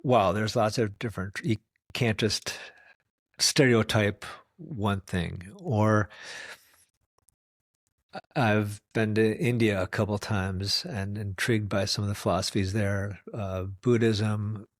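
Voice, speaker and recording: Musing slowly and thoughtfully, this US-born interview host drifts into long, rambling asides during a conversational chat. His voice leans low, and the close, dry recording has no echo.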